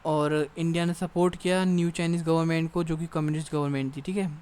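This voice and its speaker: A young man giving an exam-prep lecture, his voice smooth and clear and pitched a little high. He reads passages out slowly, then breaks them down in easy, conversational explanation. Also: steady tone, darkish tone. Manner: reads English text slowly, then explains casually with frequent "theek hai". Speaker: teacher. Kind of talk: exam-prep lecture in Hindi mixed with English.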